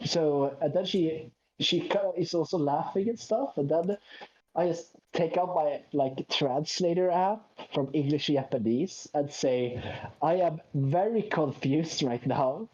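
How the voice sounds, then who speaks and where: A man's voice: on the high side, unhurried, darkish tone. Rambling man, dull lo-fi sound. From Sweden. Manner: rambling anecdote with self-mocking asides and quoted voices. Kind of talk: casual chat.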